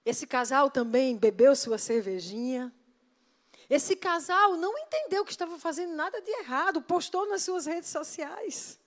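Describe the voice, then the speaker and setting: A woman pastor preaches in a church with a high, clear voice, expressive and unhurried. She drives her points home by putting emphatic rhetorical questions to the congregation.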